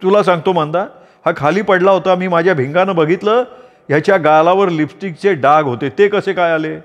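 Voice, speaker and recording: A man's voice: high-pitched, a little fast, dull audio, pitched above the performer's own voice, close to an everyday voice. A meddling old neighbour nags and accuses in a raised, pointed voice, as a male storyteller plays him. The sound carries a long hall echo. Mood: accusing. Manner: scolding, needling, mock-righteous. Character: nosy meddling old man neighbour, sharp-tongued.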